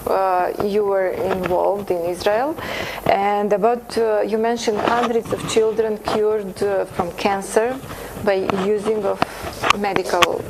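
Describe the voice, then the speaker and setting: A woman's voice: medium pitch, little pitch movement, slow, creaky. A young woman hosting a TV interview, hesitant and searching for words. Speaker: host. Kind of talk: TV studio interview. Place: TV studio set. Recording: studio with background noise.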